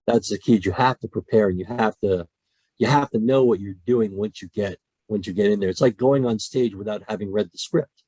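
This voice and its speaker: Talking fairly quickly in a lowish voice, a man appears as a voice actor guest in a casual podcast chat held over a call. He is animated, full of passion for storytelling, and keeps restarting his sentences. No room sound can be heard.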